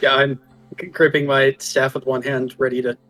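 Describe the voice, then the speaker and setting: Man, player, mid-pitched, quick, backtracks a lot, tabletop game. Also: level tone, a bit bright, faint music behind. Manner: quick, self-correcting. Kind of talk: casual game chat.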